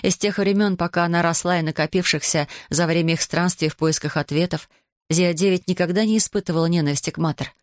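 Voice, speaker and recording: A woman's voice: on the low side, quick pace, no echo, studio quality. Woman narrating an audiobook.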